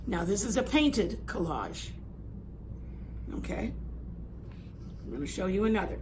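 Explaining an assignment in an art room, this woman in her sixties sounds hoarse and raspy, at times slipping almost into a whisper. Very animated, with a mid-range voice and a measured pace, she teaches emphatically and instructively and checks in with "okay?". Recorded indoors by a camera a few metres away, with clear room noise.

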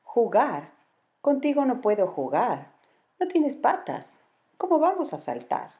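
Woman reading as a grumpy young jaguar, lonely, sulky, higher voice than her narration, swooping lively delivery, storybook character. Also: slow, exaggerated voice. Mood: dismissive. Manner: sulky, dismissive of others.

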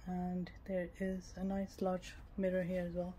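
Unhurried and completely flat, a woman with a fairly low, dark-toned voice narrates her travel vlog tour of a small cabin. The setting is mostly a small cruise ship cabin, and clear ambient noise sits in the background.

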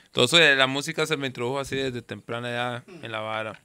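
Gravelly, bright-voiced Costa Rican man. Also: mid-range voice, fairly quick, no echo. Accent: Costa Rican Spanish. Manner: laid-back storyteller, slangy, trails off. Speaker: guest artist. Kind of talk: casual interview chat.

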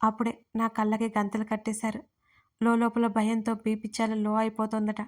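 Woman narrating an emotional story in a flat, steady voice. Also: a little high, moderate pace. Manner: emotional storytelling, voicing all characters herself. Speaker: writer and narrator. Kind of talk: first-person audio story narration.

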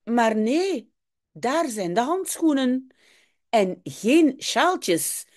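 A woman's voice: a little high, big pitch swings, extremely slow, pitched above the performer's own voice, heavily acted. A woman voicing a timid little girl in a storybook reading. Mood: anxious. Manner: raised, childish tone.

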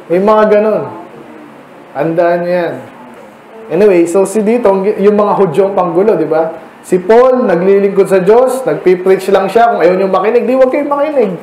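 A Filipino pastor with a fairly high, soft-edged voice teaches a midweek Bible study. He talks in a conversational way, slips into English, and keeps checking in with his listeners. The sound carries an echo from the church hall and a faint hum of ambient noise. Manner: conversational, mixing English into Tagalog, asking the congregation questions.

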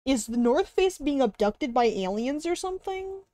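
A woman's voice: high-pitched, sing-song, normal speed, warm tone, no room sound, clean studio sound. A young woman chatting casually on a livestream as she browses, with a cute, bubbly anime-streamer delivery and exaggerated reactions. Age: young adult. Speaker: live streamer. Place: indoor room at a streaming desk.

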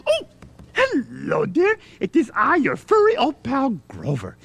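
Furry monster, gravelly, slow and theatrical, music behind. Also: male voice, extremely high pitch, huge pitch swings, exaggerated voice. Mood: excited. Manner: theatrical, overly formal phrasing. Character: furry blue male monster, eager and fussy. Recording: children's TV with music underneath.

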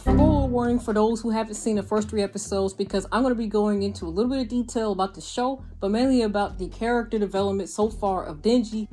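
A young woman giving a frank, exasperated anime review in casual vlog style, talking with lots of hand gestures. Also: mid-range voice. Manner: animated, gestures a lot while talking. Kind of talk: casual video commentary. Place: small indoor room with a gaming desk setup.

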